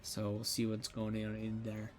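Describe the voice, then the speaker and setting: A man's voice: lowish voice, completely flat delivery, moderate pace, faint music behind. Sleepy young male esports caster. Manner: casual, rambling, many fillers and restarts. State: sleepy, yawning. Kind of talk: play-by-play esports commentary.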